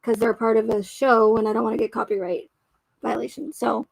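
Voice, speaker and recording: A woman talks casually to her livestream viewers, wandering through her thoughts with frequent restarts and fillers. Her voice sits a little high but stays flat, with a gravelly fry underneath. It comes through a home microphone. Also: a little fast, no room sound, poor audio. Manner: rambling, hesitant, many restarts and fillers. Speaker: livestream host.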